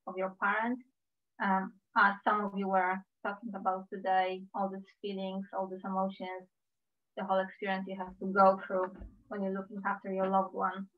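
Speaking by video call as an invited guest, a woman from Poland in her thirties shares her life story warmly and with care. Her voice is mid-range with a Polish accent, measured and heartfelt, and the computer-mic audio sounds slightly dull.

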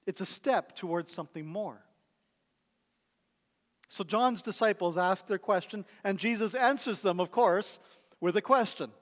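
High-voiced pastor preaching in a reverberant hall. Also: male voice, unhurried, pauses often, fairly bright tone. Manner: conversational preaching with rhetorical questions. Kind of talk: sermon. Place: church sanctuary. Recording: long church hall reverb.

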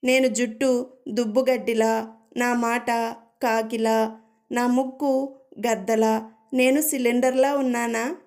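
A woman's voice: a little high, little pitch movement, slow, pauses often, a little mellow. A woman reading the lines of an upset young newlywed daughter-in-law who asks plaintive questions.

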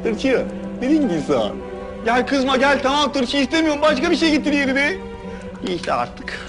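High pitched guy whining and pleading in a comedy sketch, loud music behind. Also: expressive, a little fast. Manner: whiny, pleading and wheedling. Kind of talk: comic sketch acting. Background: loud background music.

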